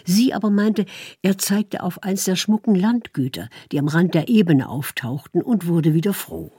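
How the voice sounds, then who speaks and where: Husky, dark-voiced woman reading a story. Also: lowish voice, dry recording, studio quality. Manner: calm, measured storytelling. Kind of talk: audiobook narration.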